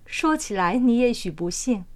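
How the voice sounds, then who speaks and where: Brief: high, lively female storyteller, teacher reading aloud to young kids with plenty of expression. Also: normal speed. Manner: expressive, sing-song, animated. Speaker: kindergarten teacher. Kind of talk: storytelling for children.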